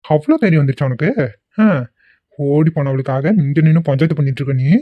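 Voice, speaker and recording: A man's voice: fairly high pitch, fast talker, no echo, dull audio, close to an everyday voice. A man voicing an arrogant, threatening middle-aged son who quarrels with his mother in a cartoon. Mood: angry. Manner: harsh, threatening. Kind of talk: cartoon voice acting.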